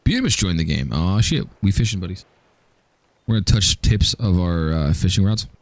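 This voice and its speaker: Joking low-voiced man streaming. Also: moderate pace, no echo. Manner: joking, chatty, frequent stammered restarts. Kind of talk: casual livestream chat while gaming.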